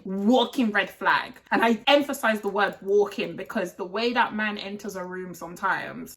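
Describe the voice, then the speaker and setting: Bright-voiced opinionated woman recapping a show. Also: medium pitch. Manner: opinionated, animated, rhetorical questions. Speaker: commentary host. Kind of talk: casual TV recap commentary.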